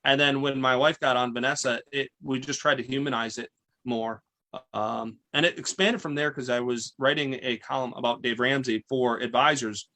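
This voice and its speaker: A man in his forties, a guest financial advisor, chatting in an interview with intense, animated storytelling and frequent restarts. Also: medium pitch, normal speed. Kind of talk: casual interview chat.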